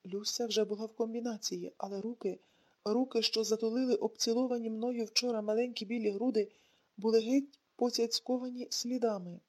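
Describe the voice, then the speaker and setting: A woman narrating a novel in the first person, in a calm, even reading voice. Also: fairly high pitch, fairly quick. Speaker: audiobook reader.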